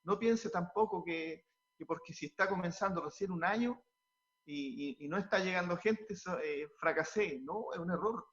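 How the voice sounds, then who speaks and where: In an interview, a male pastor answers earnestly but haltingly, repeating words and slipping into preaching. His voice is fairly high with a fairly bright tone, and the audio is dull and lo-fi.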